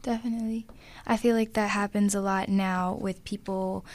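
A woman's voice: mid-range voice, level tone, normal speed. Teen girl co-hosting a youth radio show. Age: teens. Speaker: student co-host. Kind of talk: scripted news segment and discussion. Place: radio studio.

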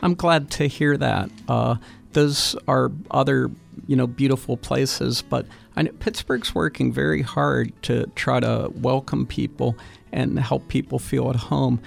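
A man hosting a radio interview, asking friendly questions with many "uh" pauses. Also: mid-range voice, gravelly, soft background music. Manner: friendly questioning, frequent "uh" fillers. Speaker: radio host interviewing young guests.

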